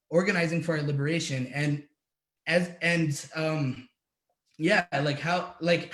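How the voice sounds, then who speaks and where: A man's voice: on the high side, reverberant. A man from the United States, an activist organizer speaking earnestly on a panel, with many restarts and fillers. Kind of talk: casual panel talk.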